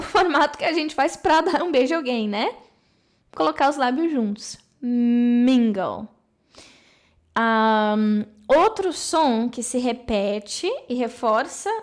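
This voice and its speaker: A young woman teaching an English lesson in a chatty way, often checking in with the listener. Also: sits high. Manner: chatty, explains warmly with many "né?" asides. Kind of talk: casual video lesson.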